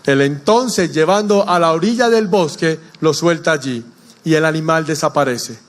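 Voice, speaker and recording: High-voiced pastor preaching. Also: male voice, normal speed. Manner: preaching with rhetorical questions to the congregation. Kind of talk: sermon. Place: church.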